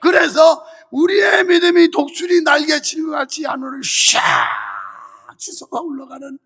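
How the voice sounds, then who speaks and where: A male pastor preaching a fervent sermon with a strained voice and rhythmic, shouted refrains, in a church sanctuary. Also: extremely high pitch, fairly even intonation, normal speed. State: voice strained from heavy use. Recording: reverberant church hall.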